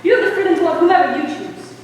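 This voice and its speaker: A woman playing a brash, cheerful young gentleman in breezy, declamatory stage acting. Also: very high-pitched, very fast, a little hiss or hum. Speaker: actor in a stage musical. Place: school theatre stage, audience recording. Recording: echoey hall from far off.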